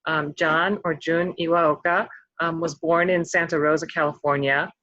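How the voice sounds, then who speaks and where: A host presenting scholarship awards at an online ceremony, pausing often with ums and slightly losing their voice. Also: medium pitch, fairly even intonation, sharp tone, no room sound, dull audio. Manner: halting, many ums.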